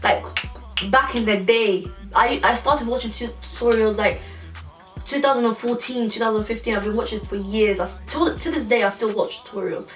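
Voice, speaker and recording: A woman from England in her 20s, a YouTuber, talks at normal speed in a fairly high voice while casually rambling through a Q&A for her vlog, with many restarts. She's far from the mic and slightly off it, in an echoey room with music behind.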